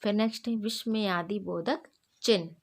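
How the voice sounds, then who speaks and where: A woman's voice: mid-range voice, normal speed. A woman teacher with an Indian accent reads a grammar lesson aloud to her students, explaining each point step by step and mixing English words into her talk.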